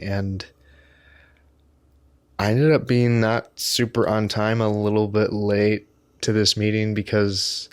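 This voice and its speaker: A tired man talks casually to the camera, rambling and poking fun at himself as he circles back over his own phrases. His voice sits a little low, and the sound is dry and close. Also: creaky, no echo. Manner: rambling and self-deprecating, with frequent restarts. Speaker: vlogger.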